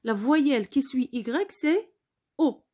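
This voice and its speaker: A woman teacher giving a spelling lesson, patiently repeating words slowly for her pupils. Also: high voice, expressive, warm tone.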